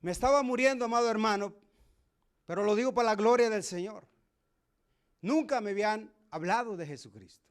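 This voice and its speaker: A man preaching a sermon testimony, moving between hushed and loud, emotional delivery. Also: sits high, fairly quick, pauses often.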